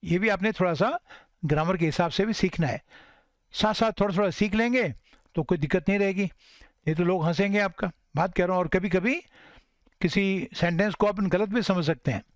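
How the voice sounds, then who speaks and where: A man teaching spoken English, mixing Hindi explanations with slow model English sentences and often checking that listeners follow. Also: sits high, no echo.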